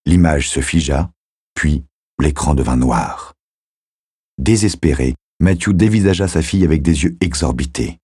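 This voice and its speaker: A man narrating an audiobook in a measured, steady storytelling manner on a close studio mic. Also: extremely low pitch, slightly rough, dry recording. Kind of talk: scripted narration.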